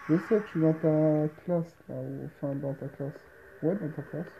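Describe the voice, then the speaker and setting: A woman with a fairly low voice commentates a game casually, in slangy, grumbling phrases. The recording is dull and muffled, with noticeable noise behind her. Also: moderate pace, vocal fry. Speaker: gamer host presenting horror games.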